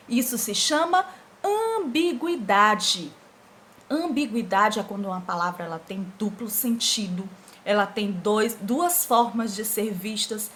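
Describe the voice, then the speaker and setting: A woman's voice: a little high, slight background noise. A woman teacher giving an online lesson to schoolchildren, asking the pupils rhetorical questions as she explains. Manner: animated, talks directly to pupils with rhetorical questions.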